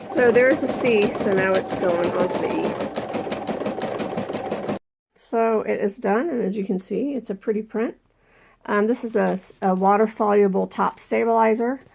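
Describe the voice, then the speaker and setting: Woman, craft tutorial host, slight gravel and fry, has a cold and sounds a bit breathless, casual and full of ums while working. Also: mid-range voice, moderate pace, pauses often, heavy background noise. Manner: chatty, many ums, talks while working the machine. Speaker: embroidery channel host.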